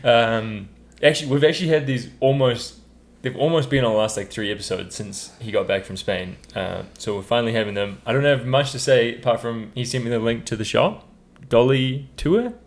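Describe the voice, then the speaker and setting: A man's voice: mid-range voice, moderate pace, hardly any pauses. A man co-hosting a podcast, laid-back and a bit rambling. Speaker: podcast co-host. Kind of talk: casual chat.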